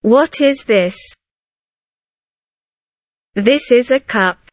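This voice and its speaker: A woman with a fairly high voice teaches beginners a scripted vocabulary lesson, stretching out her words and presenting simple words and phrases one at a time. She speaks carefully and plainly, almost as though reading to a toddler, and there's no room sound.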